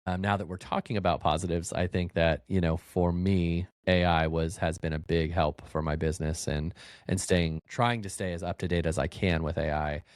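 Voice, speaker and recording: Low-voiced man, dry close sound. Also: steady tone, moderate pace, clear, resonant tone, no echo. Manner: loose, filler-heavy, laughs easily. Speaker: real estate agent, podcast host. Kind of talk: casual podcast conversation.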